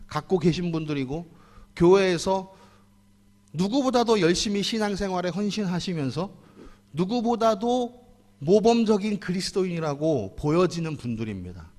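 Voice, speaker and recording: High, animated preaching man in a reverberant hall. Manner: earnest preaching, addresses the congregation directly. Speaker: pastor. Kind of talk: sermon. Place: church sanctuary.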